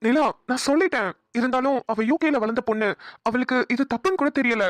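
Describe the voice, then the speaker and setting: A woman voicing a patient young husband in a cartoon, speaking softly and apologetically. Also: high-pitched, quick pace, no echo, close to an everyday voice. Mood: coaxing. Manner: soft, coaxing, apologetic. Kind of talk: cartoon voice acting.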